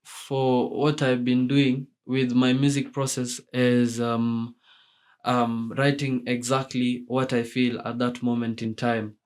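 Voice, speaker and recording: A man's voice: medium pitch, flat delivery, slow, darkish tone. A young man from Kenya answering radio interview questions about his music, with many fillers and restarts. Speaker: musician guest.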